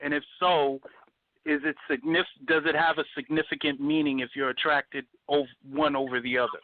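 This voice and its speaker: A man calling in to a talk show over a phone line, asking a question in halting bits and often starting over. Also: fairly high pitch, level tone, no room sound. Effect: heard over a phone line. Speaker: caller.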